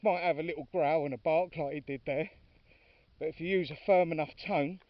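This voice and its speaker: A man's voice: fairly high pitch, fairly even intonation, brisk, no room sound, recorded from a distance. A man talking casually while walking his dogs outdoors, chatty and informal, now and then calling his dogs. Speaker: dog walker filming his walk. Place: outdoors on a dog walk. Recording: dry, dull lo-fi sound from off-mic.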